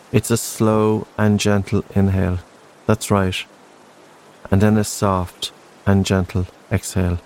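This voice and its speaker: A man narrating a guided relaxation in a slow, soothing sleep-story manner, gentle and unhurried, with spaced-out phrases. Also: on the low side, slight background noise.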